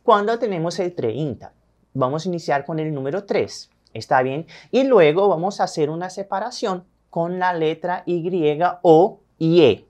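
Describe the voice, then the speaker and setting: Brazilian guy teaching a recorded class, talks right to the viewers, drags out the numbers slow. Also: a little high, expressive. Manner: addresses viewers directly, draws out numbers slowly. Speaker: Spanish teacher.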